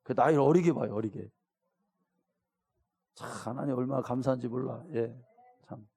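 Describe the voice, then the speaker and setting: Gravelly, dark-voiced pastor preaching. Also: male voice, medium pitch, normal speed. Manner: colloquial, animated preaching with direct questions to the congregation; acts out voices of the people in the story. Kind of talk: sermon.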